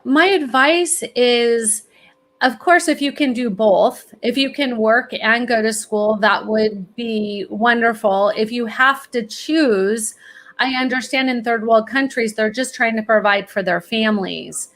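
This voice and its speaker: A woman's voice: a little high, measured pace, a bit bright. A woman as a guest expert in a podcast interview, giving upbeat, encouraging advice. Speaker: college planning expert, guest.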